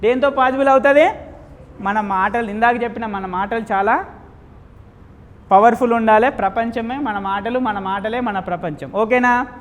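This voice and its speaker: A man's voice: very high voice, normal speed. A man leading a real estate sales training seminar, quizzing the audience and acting out little dialogues as he teaches. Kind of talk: live training seminar lecture. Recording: long hall reverb.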